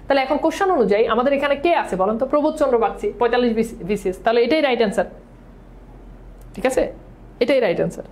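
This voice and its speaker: A man's voice: very high voice, animated. A man teaching an online exam-prep lecture, drilling questions and answers over and over and sprinkling English words into his speech. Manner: talks fast, as he admits.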